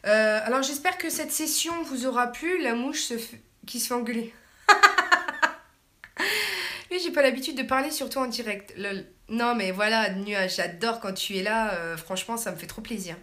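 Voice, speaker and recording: Woman vlogger, casual live Q&A, chatty and halting, home camera mic. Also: a little high, sharp tone. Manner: chatty, hesitant, many fillers, affectionate with viewers. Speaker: YouTuber hosting a live Q&A. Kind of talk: casual live-stream chat reading comments. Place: home, at night.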